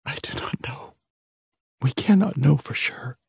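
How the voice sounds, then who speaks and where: A man's voice: mid-range voice, expressive, a little slow, a little mellow, breathy edge, no room sound, clean studio sound, pitched above the performer's own voice. A man voicing a frightened, stern mother who whispers urgent warnings to her children and drills them harshly. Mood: tearful.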